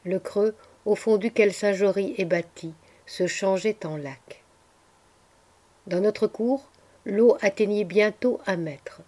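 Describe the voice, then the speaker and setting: A woman narrating a literary audiobook in a measured, expressive storytelling voice. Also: medium pitch. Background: faint background music.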